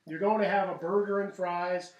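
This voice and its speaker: A middle-aged man hosts a home cooking segment with a chatty, folksy delivery and punchy asides. His voice sits a little high for a man. He sounds set back from the mic in an echoey home kitchen. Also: fairly even intonation, moderate pace, far from the mic, muffled recording. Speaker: host of a home cooking show. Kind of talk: casual cooking demonstration.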